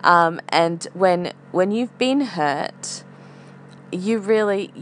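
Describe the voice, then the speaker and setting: Low-voiced woman, slow and reflective. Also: lively intonation. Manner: hesitant, thinking aloud. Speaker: podcast host. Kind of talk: casual reflective monologue. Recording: faint air conditioner hum. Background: humming air conditioner.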